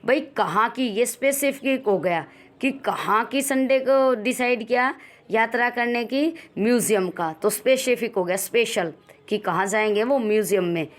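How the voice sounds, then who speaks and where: A woman's voice: on the high side, normal speed. A young woman teacher with an Indian English accent explaining an English textbook exercise, drilling the class with repeated questions and calling her students beta.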